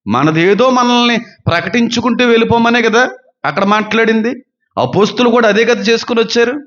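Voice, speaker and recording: Fervent pastor, lo-fi sound. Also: male voice, extremely high pitch. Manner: fervent, rhetorical questions, swings between loud and soft; says he talks fast and gives quick counters. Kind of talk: preaching sermon. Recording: dull lo-fi sound.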